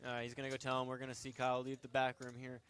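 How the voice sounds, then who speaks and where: A man's voice: medium pitch, completely flat delivery, very fast, fairly bright tone. A young man casually commentating a poker game on a stream, joking and rambling with fillers.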